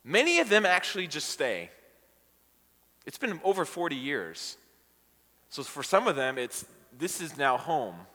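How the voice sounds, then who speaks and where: A man's voice: a little high, very animated, unhurried, long pauses, pushed and bright. A man preaching a casual, conversational sermon to a congregation and asking them questions as he goes. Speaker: pastor. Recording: long hall reverb.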